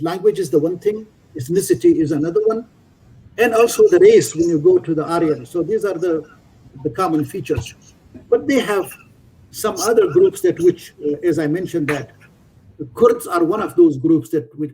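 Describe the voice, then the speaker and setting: A man giving an informal lecture who stops and repeats words often and fills pauses with "uh". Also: a little high, dark tone, breathy edge. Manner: halting, repeats words, many fillers.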